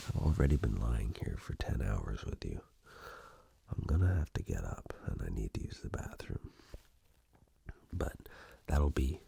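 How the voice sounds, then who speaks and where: Speaking as a flirty, playful romantic partner, a man half-whispers right up against the mic in a gentle, slow ASMR piece. His rumbling low voice comes across breathy and gravelly.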